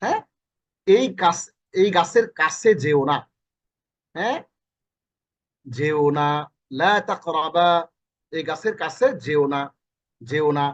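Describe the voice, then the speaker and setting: A man's voice: on the high side, lively intonation, slow, pauses often, highs cut off. A man teaching a Quran lesson in Bangladeshi Bengali, going over each meaning again and again in a chatty way. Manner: repeats each meaning several times, colloquial asides; corrects himself mid-lesson. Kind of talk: recorded lesson explaining Arabic verses.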